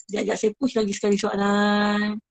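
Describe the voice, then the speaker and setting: A woman's voice: medium pitch, monotone, fast talker, creaky, no room sound, low-quality recording. A woman teacher with a Malaysian Malay accent, running an online class, chatty and apologetic, praising her students one by one.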